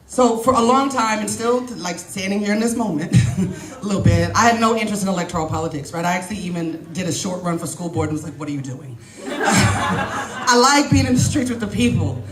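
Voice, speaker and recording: A woman's voice: mid-range voice, a little fast, noisy background. A woman candidate giving an emphatic, off-the-cuff rally speech, often laughing. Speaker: political candidate. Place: large indoor event hall. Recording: echoey hall with crowd and music.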